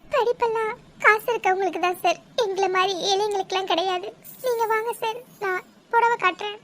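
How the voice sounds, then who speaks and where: A woman's voice: steady tone, brisk, fairly bright tone, slight background noise. Woman voicing a meek young shop girl. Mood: polite. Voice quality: very high, girlish cartoon voice. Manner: polite, deferential. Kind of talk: cartoon dialogue.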